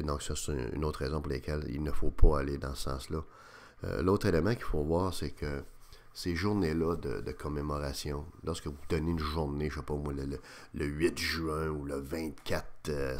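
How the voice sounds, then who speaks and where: A man with a Quebec French accent speaks in a very deep, low-pitched voice. He delivers a radio opinion piece in a halting way, filling pauses with hesitations and restarting phrases, then pressing his points with more force. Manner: hesitant, many fillers and restarts, grows emphatic. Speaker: radio commentator.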